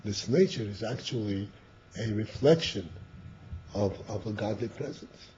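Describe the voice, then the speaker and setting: An older male rabbi gives a slow, halting class, repeating words and clearing his throat. His voice is mellow and lowish. The recording is dull and lo-fi with a faint hiss. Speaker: rabbi teaching Chassidus.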